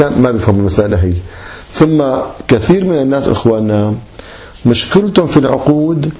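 Brief: man, mellow tone, lecturer on Islamic law who keeps putting questions to his class and answering them himself. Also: mid-range voice. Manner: addresses listeners as brothers, poses and answers his own questions.

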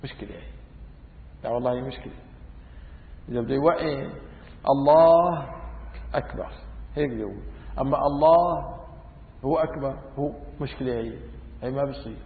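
A man teaching a religious lesson, lively and demonstrative with wry asides. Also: mid-range voice, fairly quick, creaky, pauses often. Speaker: teacher of Islamic law. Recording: tinny phone-like sound in echoey hall.

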